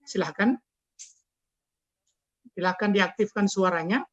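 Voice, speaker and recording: In dull, lo-fi online call audio, a man with an Indonesian accent teaches an Arabic class, patiently coaxing students to read aloud. His voice is high-pitched, slow, steady, and a bit bright, with no echo.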